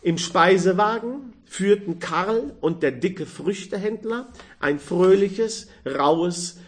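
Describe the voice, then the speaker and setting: A man narrating a novel with a measured, expressive literary reading. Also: sits high. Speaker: audiobook narrator.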